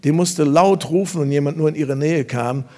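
A man preaching a revival sermon to a congregation, telling stories emphatically and breaking into loud bursts. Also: fairly high pitch, moderate pace. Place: church service before a congregation.

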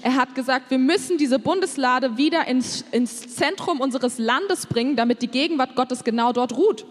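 A woman interpreting a sermon live, phrase by phrase, with the occasional hesitation while she searches for a word. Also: sits high. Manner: quick, with hesitations, echoes the preacher's acted voices. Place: church hall. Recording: reverberant church hall.

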